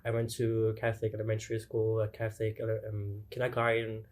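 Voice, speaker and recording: A man's voice: on the low side, completely flat delivery, a little fast, darkish tone. A young man from Germany, a student guest answering in an earnest way and often searching for words. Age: young adult. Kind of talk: casual interview answers.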